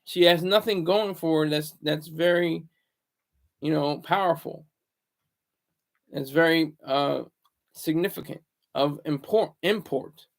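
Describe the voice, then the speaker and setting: A livestream host speaks from a room in his home, keeping his voice purposely low and hushed. His delivery is creaky, and he frequently pauses and repeats words while addressing viewers.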